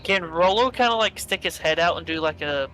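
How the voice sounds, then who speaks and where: A man's voice: fairly high pitch, brisk, a bit bright, soft background music, rough recording. A man playing a tabletop game, hesitant and full of filler words. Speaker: player. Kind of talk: casual tabletop play.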